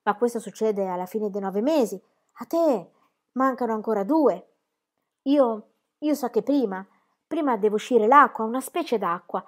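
A woman reading an audiobook, voicing a gentle, cautious old man who reasons calmly. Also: on the high side, moderate pace. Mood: reassuring. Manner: calm, reasoning, reassuring.

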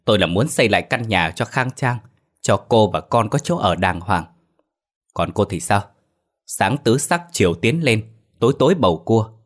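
A stern young husband, reproachful and clipped, holding back his anger as a male storyteller reads him. His deep voice presses each question hard. It sounds like a narrated family drama. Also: animated, normal speed. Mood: bitter reproachful.

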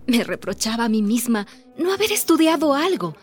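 A woman's voice: a little high, big pitch swings, moderate pace, a little mellow, faint music behind. A woman playing a lonely middle-aged housewife and mother who has turned to drink, telling her story in a confessional, tearful radio drama monologue. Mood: weary. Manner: confessional, tearful, self-pitying. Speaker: housewife protagonist narrating her life.

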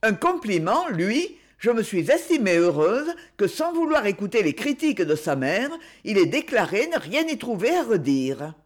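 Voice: mid-range voice, sing-song, moderate pace, hardly any pauses. An audiobook reader voicing a modest, spirited young heroine in a lightly raised, earnest voice.

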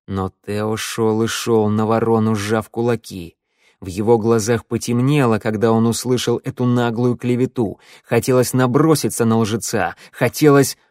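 A man reading a dark fantasy audiobook in a steady storytelling voice, close to the microphone. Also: fairly low pitch, normal speed, no room sound. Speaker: audiobook narrator. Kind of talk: scripted narration.

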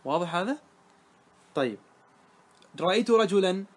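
A man's voice: high voice, expressive, normal speed, breathy edge. Man quizzing his grammar class. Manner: quizzing students with repeated questions. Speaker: teacher of Arabic grammar. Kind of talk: classroom lesson.

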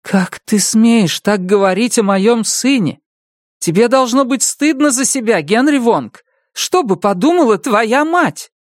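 A woman's voice: medium pitch, lively intonation, normal speed, dry recording, clean studio sound, pitched above the performer's own voice, lightly acted. A narrator voicing a stubborn, firm woman who befriends crows, in an audiobook. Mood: indignant. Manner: firm, indignant, then gentle.

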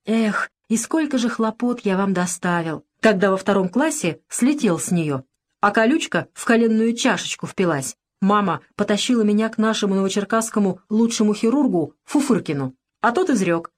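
Cheery young soldier guy home from war, done by a woman reader, loud and joking. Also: medium pitch, expressive, normal speed, natural voice. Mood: reminiscing. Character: young adult man, soldier son back from the front, cheerful and joking.

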